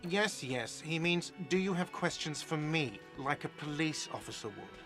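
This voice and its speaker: A man's voice: fairly high pitch, animated, normal speed, music in the background, close to an everyday voice. An actor playing an irritable, sarcastic male cafeteria manager in a video game, mocking and exasperated.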